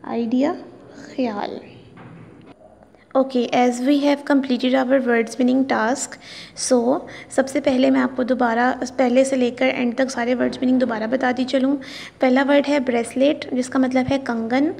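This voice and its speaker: Slow, high-voiced woman teaching vocabulary. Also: level tone, gravelly, a little mellow, long reverb tail. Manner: slow, deliberate word-by-word explanation. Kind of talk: vocabulary lesson.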